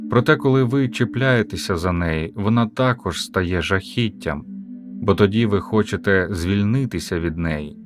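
A man with a fairly low voice reads a philosophical talk aloud as an audiobook. His delivery is measured and emphatic, built on rhetorical questions. Soft music plays quietly behind him. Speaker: audiobook narrator.

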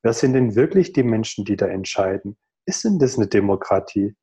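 Man in his thirties on a video call, mellow and warm, thoughtful and earnest delivery with pauses. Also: on the low side, expressive, dull audio. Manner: thoughtful, earnest, rhetorical questions, many pauses. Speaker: guest in a video call conversation. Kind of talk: reflective conversational explanation. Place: home room.

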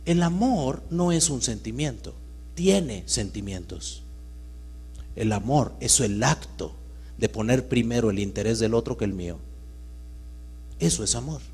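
A man giving a live talk to an audience, swinging between loud emphatic bursts and hushed storytelling. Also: medium pitch, animated, unhurried, pauses often, breathy edge. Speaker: motivational speaker. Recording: reverberant hall with mains hum.

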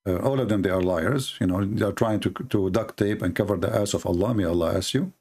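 Speaking on the low side at a moderate pace, the host sounds a little mellow and slightly rough. He is a native Arabic speaker leading a heated debate, reading on-screen texts mockingly and combatively during screen-share commentary.

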